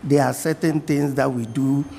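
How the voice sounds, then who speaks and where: A middle-aged man with a Ghanaian accent, a guest from the fishing industry in a TV studio interview, speaking in a measured way and repeating his key points. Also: mid-range voice, steady tone, gravelly, dark tone, in a large hall, slight background noise.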